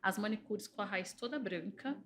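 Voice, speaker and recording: A woman's voice: mid-range voice, normal speed, a little hiss or hum. Persuasive Brazilian woman telling stories. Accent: Brazilian Portuguese. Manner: animated, persuasive, tells anecdotes. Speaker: entrepreneur and organizational systemic therapist. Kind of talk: podcast conversation.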